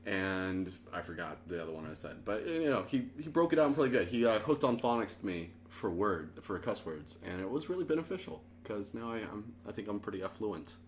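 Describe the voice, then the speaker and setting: Animated, joking young man. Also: on the low side, fairly quick, few pauses, slight background noise. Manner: joking, animated storytelling with crude language. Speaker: podcast co-host. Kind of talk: casual chat.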